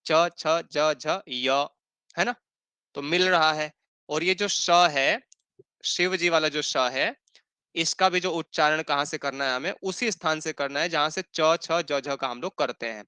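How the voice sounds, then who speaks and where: A man teaching an online class, explaining patiently and repeating each rule slowly, often checking in with "okay?". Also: fairly high pitch, pushed and bright, smooth, no echo. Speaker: Sanskrit teacher.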